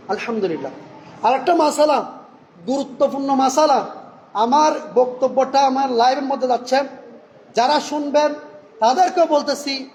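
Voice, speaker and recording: A man delivering a Friday sermon in a mosque, asking rhetorical questions and answering them himself, and reciting Arabic phrases slowly and carefully. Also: extremely high pitch, darkish tone. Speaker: preacher. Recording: echoey hall reverb, faint room noise.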